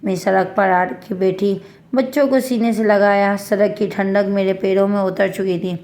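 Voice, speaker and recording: A woman reading a first-person family story aloud in a steady, sorrowful storytelling manner. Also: mid-range voice. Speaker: narrator.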